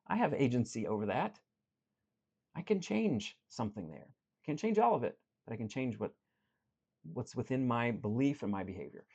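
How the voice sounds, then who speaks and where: A man in the role of a life coach talks straight to his listeners in an earnest motivational style. He swings between animated stretches and quieter ones while he tells a story. His voice sits at an ordinary middle pitch, and the recording sounds a little dull and lo-fi. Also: normal speed, husky.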